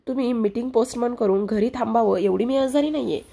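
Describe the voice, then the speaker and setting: A stubborn young wife with a fever pushes back against her husband's worry, as a woman reads her lines. The voice sits a little higher than the narrator's, husky and gravelly underneath. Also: fast talker, mellow. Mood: protesting. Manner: insistent, scolding, then apologetic.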